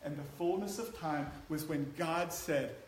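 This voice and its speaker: A man's voice: a little high, unhurried, slight background noise. A man preaching a sermon, chatty and joking with the congregation, then building to a passionate exhortation. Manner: conversational, rising to passionate exhortation. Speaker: pastor. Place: church sanctuary. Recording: echoey church hall.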